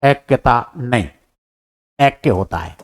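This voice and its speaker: A teacher with a medium-pitched, expressive voice works slowly through an exam paper, explaining the answers step by step. He asks himself questions and answers them, addressing his students as "brother" in this answer-key lesson.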